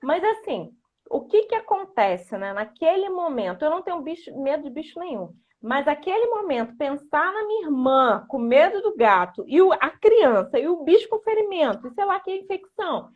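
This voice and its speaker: A woman with a high voice explains early childhood learning in a lively, talkative way, often tagging sentences with a questioning "né". Her audio sounds dull and muffled, as if it came through a video call. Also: moderate pace. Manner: animated, lots of "né". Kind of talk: conversational explanation and storytelling.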